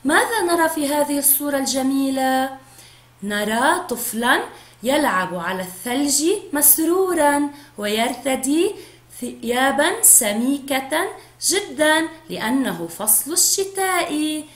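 A woman teacher giving a first-grade phonics lesson, speaking slowly and clearly to young children. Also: high voice, expressive, reverberant. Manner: slow, clearly drawn-out speech to young children.

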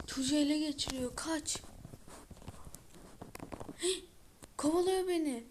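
A woman giving let's-play commentary with excitable running reactions to the screen, often dropping into a whisper. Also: sits high, slow, a little hiss or hum. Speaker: gaming video creator.

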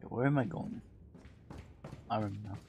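A man's voice: on the low side, vocal fry, lo-fi sound, over loud music. Rambling man commentating a game. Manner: rambling, many filler pauses. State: hiccuping. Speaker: gaming channel host. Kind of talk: casual let's play commentary.

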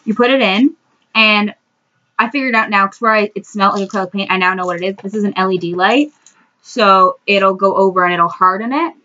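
A teenage girl sits on her bedroom floor casually reviewing a toy, chatting her way through each step. Her medium-pitched voice is a little fast with a sharp tone, and the built-in webcam microphone gives a lo-fi sound.

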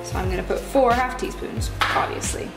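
In a home kitchen, a high-pitched American woman gives a casual cooking demonstration, talking through each step chattily at a moderate pace. The room echoes, and music plays behind her.

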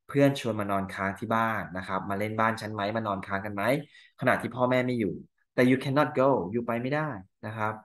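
A male teacher with a Thai accent walks through exam answers, reading English lines slowly and explaining each one in Thai. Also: lowish voice, a bit bright.

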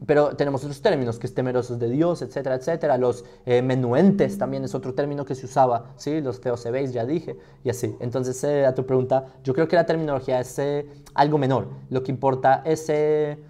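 Man teaching, mellow voice, rhetorical questions. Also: medium pitch, fairly even intonation, fairly quick, a little hiss or hum. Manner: thinks aloud with rhetorical questions. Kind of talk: live class answering questions.

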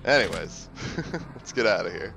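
A man's voice: on the low side, animated, moderate pace, vocal fry, sharp tone. A man doing let's play commentary, joking and teasing the game's characters and talking over them. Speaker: gaming video host. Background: game music.

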